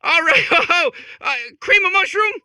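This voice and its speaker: A man delivers heavily acted comic game dialogue as a desperate, zany robot comedian, his voice very high-pitched and sharp at a normal speed. Manic and pleased with itself, the hacky bot stammers its way through showbiz patter and giggles at its own jokes, sounding improvised. The recording is dry.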